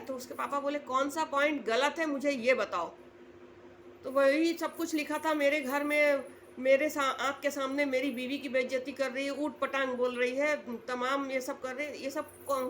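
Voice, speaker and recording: A woman telling a family story in casual spoken style, acting out the quoted lines in a lowered voice. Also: fairly bright tone, slight background noise.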